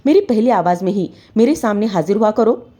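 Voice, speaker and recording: A woman voicing an angry, domineering husband who shouts harsh scolding words. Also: medium pitch, animated, fairly quick, close to an everyday voice.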